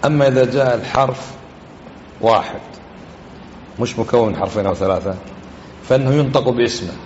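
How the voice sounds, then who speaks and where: A man's voice: medium pitch, a little fast, darkish tone. A man giving a religious lesson, explaining grammar and quizzing his listeners with repeated questions. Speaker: religious teacher. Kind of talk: classroom lesson on hadith and grammar. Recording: echoey hall, dull lo-fi, faint hiss.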